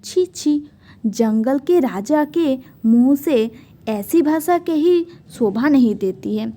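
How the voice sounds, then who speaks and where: A woman's voice: sits high, animated, takes it slowly, warm tone. A woman voicing a cheeky, boastful female fly who taunts a lion in a storybook reading. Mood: taunting. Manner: taunting, sometimes whispered.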